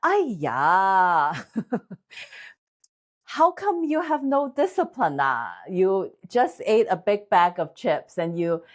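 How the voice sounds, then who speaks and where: A woman's voice: mid-range voice, big pitch swings, very slow, long pauses, warm tone. A woman voicing the nagging, scolding inner voice she once heard in her head, sighing with exasperation. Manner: scolding, exasperated sighs of "aiya".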